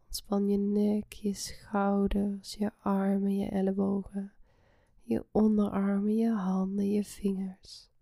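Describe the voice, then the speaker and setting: A woman guiding a relaxation meditation in a soft, soothing, breathy half-whisper. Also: medium pitch, monotone, slow, no room sound, studio quality. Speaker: guided meditation host.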